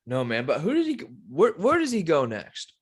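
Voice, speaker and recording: A man co-hosts a combat sports podcast in casual chat, with a pitch that moves a lot. He reacts with excited, emphatic remarks. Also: fairly quick, breathy edge. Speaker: podcast co-host.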